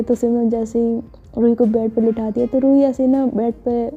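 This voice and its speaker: A woman narrating a romantic story in a chatty, casual way, full of fillers and quick self-corrections. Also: fairly high pitch, slightly rough. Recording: dull lo-fi recording with faint music. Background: faint background music.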